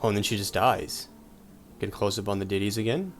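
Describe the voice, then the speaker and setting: A man's voice: lowish voice, fast. A man giving casual, playful gameplay commentary with jokey asides while he plays an online game with a group. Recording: loud game music behind. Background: game music.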